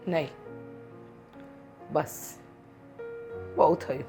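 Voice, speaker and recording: A woman playing a slow, indignant middle-aged wife. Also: on the low side. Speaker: wife and mother. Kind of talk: short film acting. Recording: faint background music. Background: faint music.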